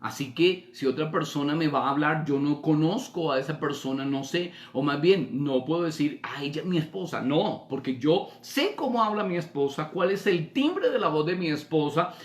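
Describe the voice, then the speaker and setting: A man, a pastor, preaching a sermon, asking rhetorical questions and moving between loud emphasis and soft, low lines. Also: moderate pace, hardly any pauses, echoey room.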